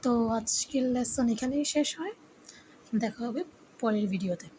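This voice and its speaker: A young woman from Bangladesh teaching a beginner French lesson, slowly spelling out each word's pronunciation and guiding learners step by step. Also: on the high side, darkish tone, a little hiss or hum, rough recording. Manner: slow, careful pronunciation of each word; addresses learners informally, step by step.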